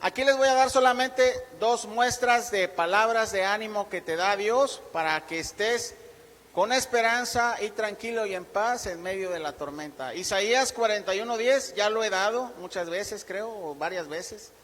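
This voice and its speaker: A man preaching a sermon as pastor, emphatic and slowing down to dictate his main points. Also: sits high, a bit bright. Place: church sanctuary. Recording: long church hall reverb.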